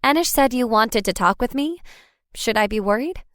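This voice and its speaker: A woman's voice: a little high, lively intonation, no echo, clean studio sound. A woman voicing a playful, eager eighteen-year-old adopted princess who teases and jokes, in an audiobook. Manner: bright, teasing, quick to joke.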